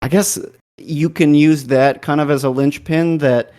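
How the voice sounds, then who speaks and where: A man's voice: on the high side, fairly even intonation, unhurried, warm tone. A man on a podcast panel, talking in a thoughtful, rambling way full of asides. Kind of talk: casual podcast chat.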